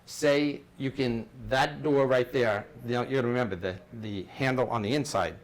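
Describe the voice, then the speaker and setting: An intercom installer speaks to staff at a normal speed in a mid-range voice, demonstrating the equipment hands-on and informally. He moves step by step and often repeats what he says. The indoor workplace recording is noisy, with background hiss.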